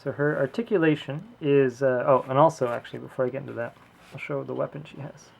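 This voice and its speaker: A man's voice: medium pitch, fast, gravelly, slight background noise. A man talking casually and rambling with fillers while he reviews a figure, recorded at home on a small camera. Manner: relaxed, rambling, many fillers. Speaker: toy reviewer. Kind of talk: casual hands-on product review. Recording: lo-fi home video audio.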